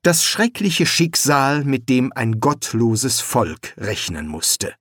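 Guy reading a storybook, slow and careful, pitch moving a lot, dry close sound. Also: no echo. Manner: measured, expressive reading. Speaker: audiobook narrator. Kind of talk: scripted storybook narration.

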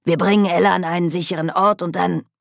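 A woman's voice: fairly low pitch, steady tone, quick pace, creaky, no echo, studio quality. A woman reading an audiobook, voicing a stern, proud old witch in a curt, commanding way. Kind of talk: audiobook character voice.

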